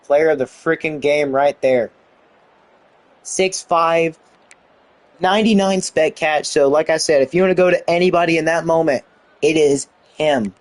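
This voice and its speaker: A young man giving excited commentary on a football video game he is playing, exclaiming and mildly swearing. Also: a little high, unhurried. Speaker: gaming YouTuber.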